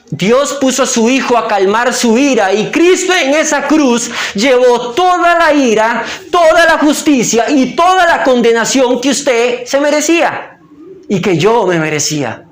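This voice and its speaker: A male pastor giving an impassioned sermon, stressing phrases slowly and emphatically. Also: very high-pitched, roomy sound. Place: church.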